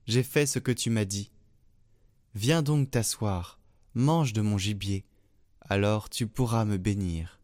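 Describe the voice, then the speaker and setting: A man reading the lines of a younger son who passes himself off as his brother, slow and measured. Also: fairly low pitch, a little mellow, no echo. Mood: earnest. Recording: dry, faint music behind.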